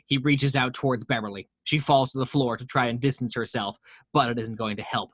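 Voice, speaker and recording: Narrating for a table read, a man reads the stage directions in a medium-pitched voice, fairly quickly and with no room sound. His reading is dry and even, and he performs the sound effects himself.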